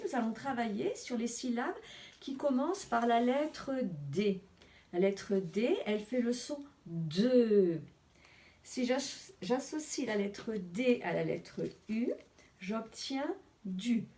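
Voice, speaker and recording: A woman teacher with a French accent, giving a slow phonics lesson and carefully sounding out letters and syllables. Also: on the high side, lively intonation, darkish tone, recorded from a distance. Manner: slow, deliberate, spelling out sounds.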